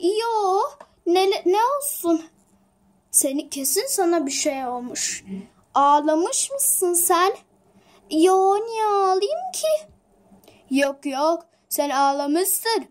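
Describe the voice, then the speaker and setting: A woman's voice: very high-pitched, very animated, slow, exaggerated voice. A woman voicing an anxious young office worker in a homemade toy drama, frantic and tearful when things go wrong. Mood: nervous. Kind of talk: toy-figure home drama.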